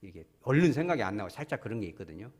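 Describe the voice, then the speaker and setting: Rapid-fire and very animated, this man's slightly rough voice sits on the low side as he preaches as a pastor. His throat sounds strained from a recent illness. In a church sanctuary with long hall reverb, he presses his points, questions the congregation, and lets out sudden loud cries.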